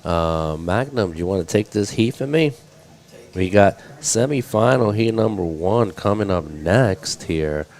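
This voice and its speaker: A man's voice: lowish voice, lively intonation, a little slow, a little mellow. A man casually chatting through live commentary as a surf contest announcer.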